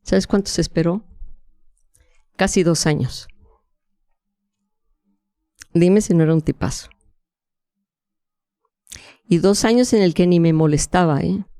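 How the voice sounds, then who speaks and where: A woman tells an emotional story in a low, smooth voice. She is animated and restarts often. The sound is dry and close. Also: takes it slowly, pauses often, no room sound. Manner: vivid, animated, with frequent restarts and fillers. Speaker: interview guest. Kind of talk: emotional first-person storytelling.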